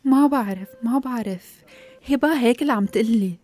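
A woman's voice: a little high, a little fast, warm tone, faint music behind, close to an everyday voice. An actress playing a distressed, haunted young woman patient in a radio drama, plaintive, with a Levantine accent. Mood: dazed, fearful.

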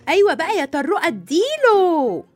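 A woman's voice: very high-pitched, sing-song, a little fast, soft background music. A woman voicing a teasing playful sister. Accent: Egyptian Arabic. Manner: teasing, affectionate.

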